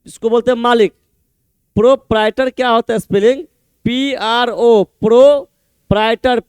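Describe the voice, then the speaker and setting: Teacher, male, very high voice, dry close sound; drills spellings letter by letter. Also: smooth, no echo. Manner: slow, spells words letter by letter and repeats answers. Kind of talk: exam-prep spelling lesson.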